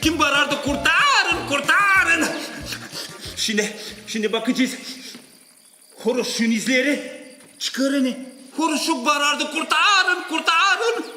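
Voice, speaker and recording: A man's voice: extremely high pitch, expressive, slow, long pauses, bright, forceful tone, full character voice. A man voicing a brave, watchful male farm dog in a children's stage play, thinking aloud with determination and barking. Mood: determined. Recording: echoey theatre hall with music.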